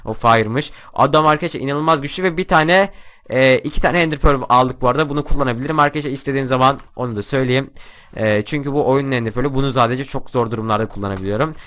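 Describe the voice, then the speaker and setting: A young man giving excitable commentary over his own gameplay and taunting the other players. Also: medium pitch, rapid-fire. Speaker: gaming YouTuber.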